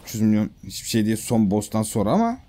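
A man giving casual, excitable gameplay commentary, full of slang and talking straight to the game creatures. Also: lowish voice, fast talker. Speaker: gamer streaming a survival game.

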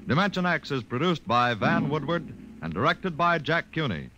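A man announcing in a formal, measured 1950s radio style, heard from an old broadcast disc transcription. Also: on the high side, sing-song, sharp tone, lo-fi sound, slight background noise.

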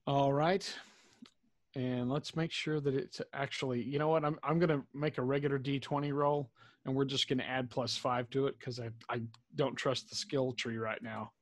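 A man's voice: mid-range voice, steady tone, normal speed, no echo, clean studio sound. A man playing in a tabletop game, chatty and joking, thinking aloud as he goes. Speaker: player. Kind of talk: casual tabletop play.

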